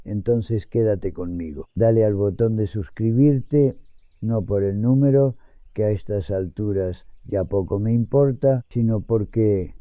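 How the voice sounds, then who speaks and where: An elderly man around a hundred years old narrates a scripted, reflective story in a solemn, measured manner. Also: lowish voice, mellow, no echo. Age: 100. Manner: solemn, measured, literary phrasing.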